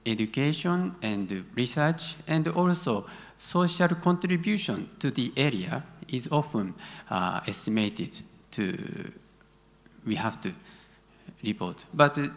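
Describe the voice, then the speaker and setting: A middle-aged university academic with a Japanese accent, a native Japanese speaker, answers conference questions haltingly, searching for words. His voice is mid-range. He stands on a large conference hall stage, speaking into a gooseneck podium microphone, and the auditorium adds heavy reverb.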